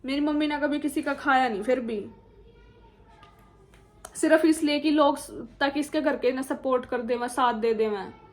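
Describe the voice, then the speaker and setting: High-voiced Haryanvi young woman vlogging. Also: moderate pace, pauses often. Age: young adult. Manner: earnest, appealing to viewers. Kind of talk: personal story monologue.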